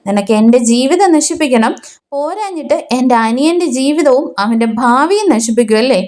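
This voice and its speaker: A woman's voice: high voice, animated, normal speed. A woman voicing a furious young woman from a TV serial who hurls accusations at a rival. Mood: angry. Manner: shouting accusations.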